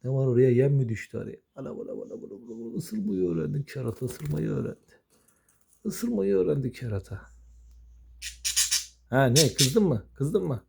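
A man's voice: medium pitch, lively intonation, a little fast, gravelly, dark tone, slight background noise. A man talking affectionately to his pet budgies in casual, coaxing baby talk. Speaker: budgie owner.

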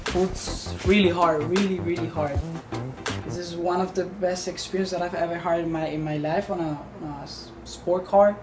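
A man's voice: sits high, fairly even intonation, normal speed. A young man chatting casually about his reaction, often searching for words. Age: young adult. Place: car cabin while driving, later open garage. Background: music.

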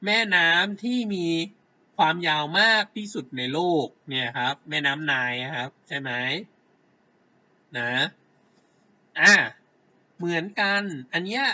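A man teaching a grammar lesson at an unhurried pace. His voice is bright and fairly high for a man. He keeps checking that his class follows along, and the sound is dull and lo-fi. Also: lively intonation.

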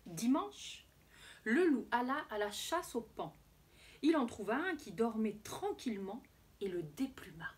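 A woman teacher reading a picture book aloud to children in an expressive storytelling voice. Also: a little high, measured pace.

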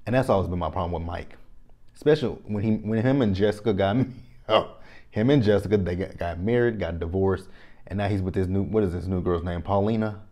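In a small indoor room with a plain backdrop, a thirtysomething Texan with a Texan accent records an opinionated reality TV recap on a lapel mic. His low-pitched voice runs a little fast, and his casual review is animated, full of repeated phrases, and aimed squarely at viewers.

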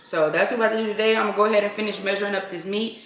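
A woman's voice: medium pitch, fairly even intonation, rapid-fire. A middle-aged woman chatting casually to her viewers while she preps and cooks in her home kitchen, filmed by a camera across the room. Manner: chatty, addresses viewers as y'all. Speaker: cooking vlogger. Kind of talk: casual cooking demonstration. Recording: echoey kitchen with sizzling pans.

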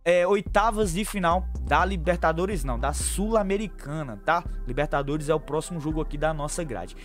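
A young man from Brazil giving quick football betting tips to his viewers, chummy and brisk, calling them family. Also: fairly high pitch, faint music behind. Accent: Brazilian Portuguese, São Paulo fan. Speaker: sports betting tipster. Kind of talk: fast betting tips over screen share. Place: small room at home.

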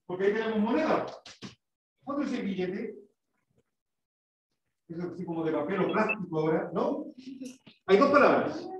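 A man's voice: high-pitched, expressive, moderate pace, pauses often, a little hiss or hum. A man teaching an English class, patiently explaining and modelling pronunciation for his pupils. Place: school classroom. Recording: echoey classroom, far from mic, dull.

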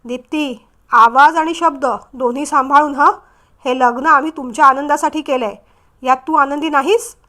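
Woman reading as stern elder brother, scolding, sharp, audiobook drama, high pitch. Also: normal speed.

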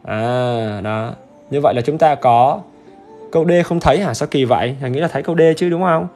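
Brisk and a little mellow, this medium-pitched male voice belongs to an English teacher hosting a livestream exam-review lesson with faint music behind him. He's cheerful and chatty, with frequent, repetitive audience check-ins and requests for comments.

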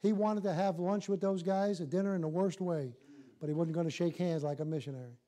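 An older man preaches in a high, mellow voice. His delivery is folksy and animated, full of joking asides and questions tossed out to the congregation. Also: fairly quick. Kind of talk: church sermon. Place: church sanctuary, in front of a small congregation.

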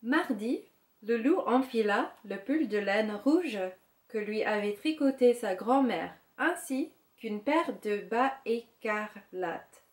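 A woman reading a children's picture book aloud, slowly and clearly, for young listeners. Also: on the high side, animated, echoey room. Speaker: storyteller. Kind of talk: children's story read-aloud.

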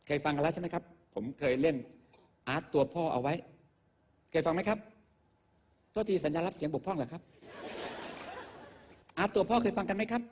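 A male stand-up comedian with a husky, slightly higher voice that swings widely in pitch. He rants in a crude, profane and mocking way through a live comedy monologue. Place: live stage show with an audience.

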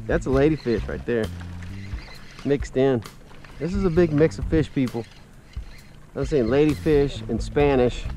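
Excited kayak fishing host, slightly high voice. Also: male voice. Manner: animated, laughing, calls out to viewers. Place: on a kayak on an open lagoon outdoors. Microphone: action camera mounted on the kayak.

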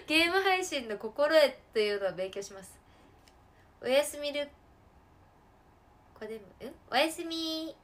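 A woman chatting casually on a live stream while she plays a game. She laughs often and breaks into sudden loud outbursts. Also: high-pitched, very animated, a little slow, long pauses.

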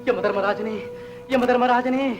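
An actor playing a melodramatic henpecked husband in a classic film, with over-the-top comic wailing and mock-epic speech. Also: male voice, very high-pitched, fairly even intonation, a little slow. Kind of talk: 1950s Tamil film acting.

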